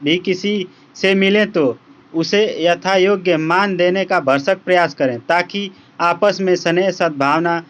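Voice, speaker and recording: A man voicing a wise old guru, patient and affectionate, counselling disciples in gentle, measured, formal phrases. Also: high-pitched, steady tone. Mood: earnest, wise. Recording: dull lo-fi audio under prominent music. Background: music.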